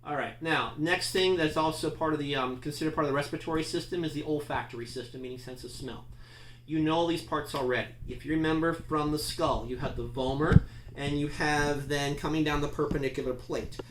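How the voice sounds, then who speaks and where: A man gives a classroom lecture, talking in a loose, emphatic way and tossing questions at his students. His voice sits a little high for a man. The room is echoey, with a faint hum underneath. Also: fairly even intonation, fairly quick. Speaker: teacher.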